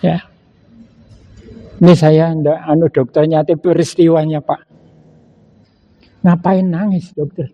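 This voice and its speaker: An older man with a Javanese accent delivers a sermon. He speaks slowly and deliberately, and his voice sits fairly high for a man. He tells stories and breaks into Arabic recitation. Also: flat delivery, warm tone, lo-fi sound. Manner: slow storytelling, mixing Javanese phrases and Arabic recitation. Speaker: preacher.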